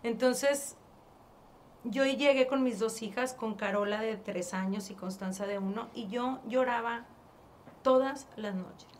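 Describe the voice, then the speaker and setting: A woman with a northern Mexican accent and a fairly high voice tells her story as an interview guest. She talks in an animated, chatty way, acting out past conversations and often restarting her sentences. A faint ambient hum sits behind her. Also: unhurried. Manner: animated, acts out past dialogue, frequent restarts.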